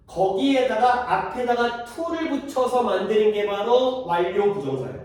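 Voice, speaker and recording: In a cram school classroom, a male teacher gives a grammar lesson, quizzing students and repeating key terms. His voice is high and a little mellow, heard from far off in an echoey room.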